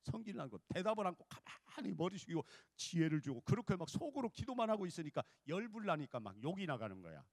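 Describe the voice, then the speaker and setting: A man's voice: high voice, very animated, fast, few pauses, no room sound, clean studio sound. A man preaching a revival sermon, telling a story with acted-out quotes and leading the congregation in call-and-response. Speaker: pastor.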